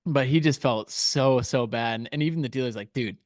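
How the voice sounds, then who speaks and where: A podcast co-host telling a story in casual chat, animated and full of "like" and "dude.". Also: male voice, medium pitch, a little fast, no echo, clean studio sound.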